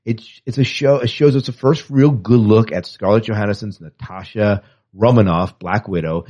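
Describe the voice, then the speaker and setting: A podcast co-host with a low, mellow voice chats casually about entertainment news with a fan's enthusiasm. The podcast audio is dull and lo-fi.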